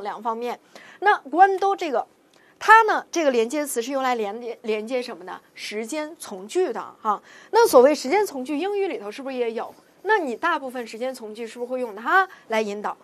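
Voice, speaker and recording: A woman teaching a grammar lesson who keeps asking rhetorical questions and answering them herself, slowing down to read example sentences. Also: on the high side, fairly bright tone. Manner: reads example sentences slowly and deliberately. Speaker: Spanish teacher. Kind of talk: grammar lecture.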